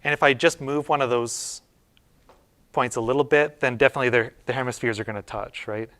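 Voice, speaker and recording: A man teaching a university math class, talking it through informally as he goes. His voice sits in a middle pitch, and he restarts and checks in with the room often. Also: steady tone, fairly quick, a bit bright. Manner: informal, thinking aloud with many fillers and restarts. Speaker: university lecturer. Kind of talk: casual classroom lecture. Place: lecture room.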